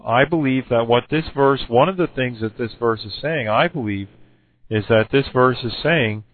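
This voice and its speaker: A man arguing over scripture with a halting, self-correcting delivery full of fillers. His voice is going hoarse. The sound is dry and tinny, like a phone line. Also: mid-range voice, no echo. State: losing his voice. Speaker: Bible debater. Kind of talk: recorded argument addressed to another person.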